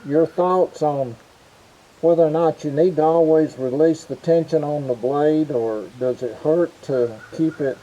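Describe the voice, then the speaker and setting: A man's voice: a little high, unhurried, mellow. A man talking casually to the camera as a sawmill vlogger, his voice muffled through a face mask. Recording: dull, muffled sound.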